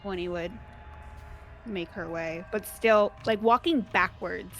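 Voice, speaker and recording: Female game player, medium pitch, casual table chat, music underneath. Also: takes it slowly. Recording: music playing behind.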